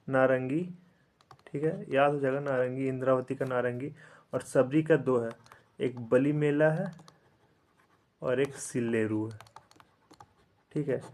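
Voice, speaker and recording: A man teaching an exam-prep geography lesson, speaking slowly and repeating terms so they can be memorized, mixing in English words and often saying "theek hai". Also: medium pitch, a little mellow. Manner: repetitive drilling, frequent "theek hai" fillers; slow, deliberate recitation for memorizing.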